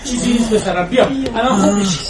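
A man's voice: high-pitched, a loud crowd, natural voice, poor audio. A man playing a worried father begging a doctor to help his son, polite and pleading. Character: anxious father of a sick son.

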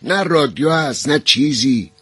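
A man voicing an excitable young male soldier obsessed with football, talking in loud, excited bursts. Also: medium pitch, husky, no room sound, voice pushed up. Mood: exasperated.

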